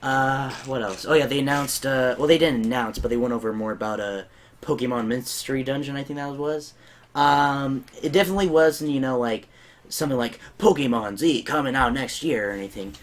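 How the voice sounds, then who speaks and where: A man's voice: medium pitch, brisk. A young man hosting a casual gaming podcast, rambling with lots of fillers and restarts. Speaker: podcast host. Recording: faint background noise.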